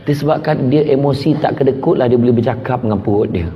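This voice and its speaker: A man's voice: medium pitch, fast talker, a little hiss or hum. A man with a Malaysian Malay accent giving a humorous religious talk as a preacher, playful and teasing. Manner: playful, teasing, acts out characters. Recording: echoey hall, dull lo-fi.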